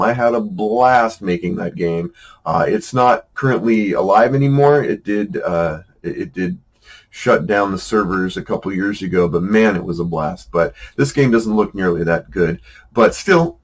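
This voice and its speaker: Poor audio captures a board game show host, a middle-aged man whose voice sits on the low side. Chatting casually about board games, he comes across as wry and self-deprecating, peppering his talk with fillers like "uh" and frequent restarts.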